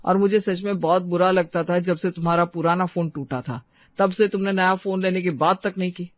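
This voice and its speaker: Man voicing a gentle, caring husband. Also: sits high, fairly even intonation, brisk, no echo, dull audio, lightly acted. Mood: coaxing. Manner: gentle, coaxing.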